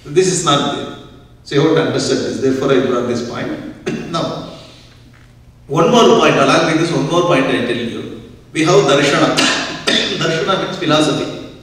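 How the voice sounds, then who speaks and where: A man's voice: on the high side, lively intonation, normal speed, long pauses, a bit bright. A man, a swami, giving a scripture lecture and often checking that the listeners follow along. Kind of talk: religious discourse lecture. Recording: echoey hall, far from mic.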